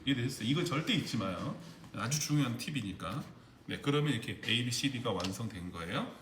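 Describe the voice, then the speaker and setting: A man teaches a recorded exam-prep lesson on spreadsheet formulas, going step by step and frequently asking the class whether they've understood. His mid-range voice is expressive and fairly quick, in an echoey room with background noise.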